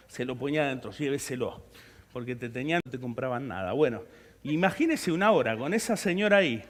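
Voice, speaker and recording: A man preaching a sermon as pastor, animated and humorous, telling stories with sudden shifts in loudness. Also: high-pitched. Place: church sanctuary. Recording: reverberant church hall.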